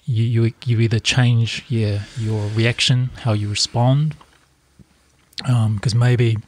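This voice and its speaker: A man's voice: mid-range voice, fairly even intonation, slow, a little hiss or hum. A man co-hosting a casual podcast, agreeably listing points and often adding "yeah" and "right". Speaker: podcast co-host.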